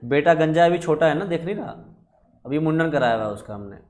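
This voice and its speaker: A man teaching contract law in a casual classroom lecture, telling stories and jumping into quick voiced asides. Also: fairly high pitch, lively intonation, a little mellow, a little hiss or hum.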